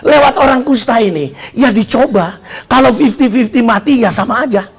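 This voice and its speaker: A middle-aged male pastor preaching a lively, humorous sermon at a church service, telling a story and acting out shouted dialogue. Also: extremely high pitch, normal speed, husky. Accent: Indonesian.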